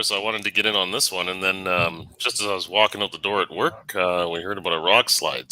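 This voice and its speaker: A man co-hosting a podcast in casual chat, relaxed and chuckling. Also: on the low side, rough recording. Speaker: podcast co-host.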